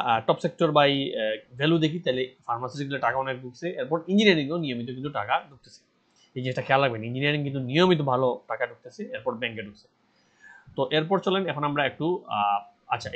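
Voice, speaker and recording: A man from Bangladesh giving casual stock market commentary, earnest and insistent, repeating his advice. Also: mid-range voice. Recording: dull lo-fi voice recording.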